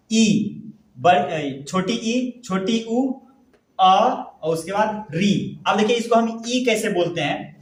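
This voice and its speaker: A man from Bihar, India, teaching a classroom grammar lesson, often asking a question and then answering it himself. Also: sits high. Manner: repetitive, asks questions and answers them himself. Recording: echoey room.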